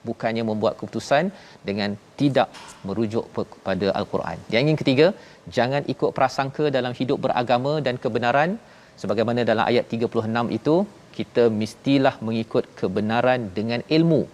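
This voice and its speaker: A man's voice: mid-range voice, fast talker, darkish tone. A man from Malaysia hosting a televised Quran lesson, explaining verses in an emphatic, preaching way. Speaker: Quran teacher and host.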